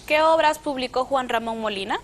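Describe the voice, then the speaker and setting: A woman's voice: high-pitched, brisk. A woman co-hosting a TV language program, repeating key words and adding short examples. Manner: echoes key words, brief replies. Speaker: TV program co-host. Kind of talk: didactic TV chat.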